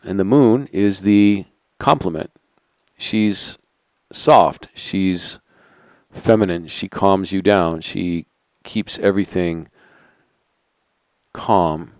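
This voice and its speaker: A middle-aged man holding a conspiratorial monologue, asking rhetorical questions and sinking into quiet asides. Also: deep voice, takes it slowly, long pauses, no room sound. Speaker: channel host. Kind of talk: monologue to camera.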